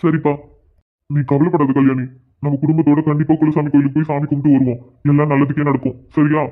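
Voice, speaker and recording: A man's voice: on the high side, flat delivery, quick pace, close to an everyday voice. A man doing a caring cartoon grandfather, tinny. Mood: soothing. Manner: soothing, questioning.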